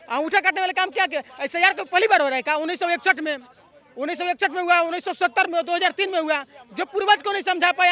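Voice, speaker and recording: High, bright, sharp-edged male voice, heated rhetorical talk, city street interview. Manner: fiery, rhetorical, chant-like slogans. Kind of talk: heated political vox pop.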